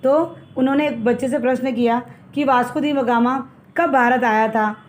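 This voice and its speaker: A woman's voice: high voice, fairly even intonation, normal speed. A woman teacher retelling a textbook story as a lesson, repeating phrases and explaining the meanings of words.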